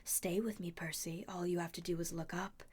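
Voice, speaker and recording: A woman voicing Medusa, a menacing old monster woman with a breathy, crooning, coaxing voice in a storybook reading. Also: fairly low pitch, fairly even intonation, normal speed, a bit bright. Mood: soothing, sinister. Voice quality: breathy, whispery. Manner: soothing, crooning, purring, snarls when crossed. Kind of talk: audiobook character voice.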